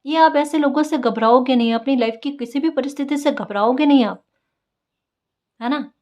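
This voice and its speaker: A woman's voice: sits high, moderate pace, a little mellow. A woman tarot reader giving casual spiritual guidance, coaxing and encouraging, often asking her listeners "right?" and repeating key phrases.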